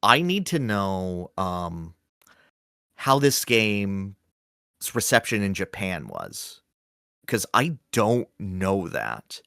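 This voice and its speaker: Animated man in casual gaming chat. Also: low-pitched, creaky, dry recording, studio quality. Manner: animated, slips into quick comic voices for quoted lines. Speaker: podcast co-host.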